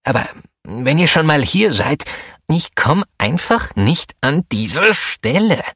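A man's voice: a little high, sing-song, slow, a bit bright, husky, dry recording, studio quality, voice pushed up, exaggerated voice. A man doing a small, chatty cave troll. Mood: puzzled friendly. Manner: chatty and easygoing. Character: small harmless hairy male troll, friendly.

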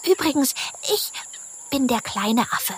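Woman doing a squeaky polite little monkey. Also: expressive, measured pace, breathy edge, full character voice. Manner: polite, eager, apologetic. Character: small, polite, curious male monkey.

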